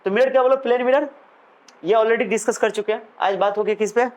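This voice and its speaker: Young male physics teacher with a high voice, chatty, asks and answers his own questions. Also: fairly even intonation, a little fast, rough recording. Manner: asks questions and answers them himself, mixes in English terms; chatty, jokey asides. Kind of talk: classroom lecture.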